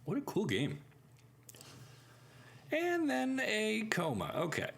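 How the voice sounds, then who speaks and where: Husky guy casually commenting his card game plays, lively up and down voice. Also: high-pitched, takes it slowly. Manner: upbeat, thinking aloud, talks to opponent. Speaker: gaming channel host.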